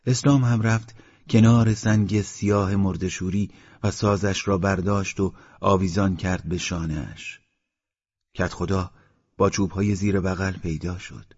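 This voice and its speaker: A man narrating a story in a steady, measured reading, in a dull lo-fi audiobook recording. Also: low-pitched, slightly rough, no room sound.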